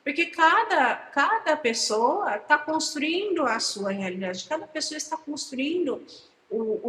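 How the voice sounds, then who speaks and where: A woman's voice: sits high, a bit bright, roomy sound, in a large hall, poor audio. A woman talking in a casual, reflective vlog, often repeating words and asking her listener if they understand. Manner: reflective, repeats words, frequent "entende?" tags. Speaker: channel host. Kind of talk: casual personal vlog on manifestation.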